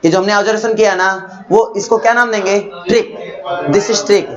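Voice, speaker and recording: A man's voice: high-pitched, fairly even intonation, normal speed. A young man teaching math to a class, talking bluntly and scolding, then telling stories from his own student days. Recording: dull lo-fi sound, classroom chatter behind.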